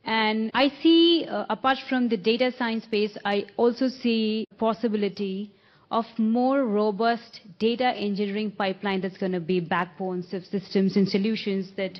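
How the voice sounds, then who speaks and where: Woman panelist, technical talk, steady mid pitch, muffled conference recording. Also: moderate pace. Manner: technical, listing points at length.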